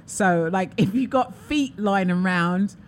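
A woman hosting a talk radio show, telling stories in an animated way, laughing and acting out quotes. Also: mid-range voice, takes it slowly. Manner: animated storyteller, laughs often, acts out quotes. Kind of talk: casual radio chat.

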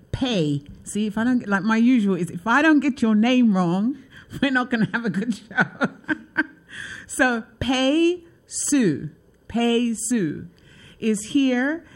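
A woman's voice: a little high, darkish tone. Chatty woman hosting a talk show. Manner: chatty, loose, lots of "you know" and "like". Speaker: show host. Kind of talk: casual interview chat.

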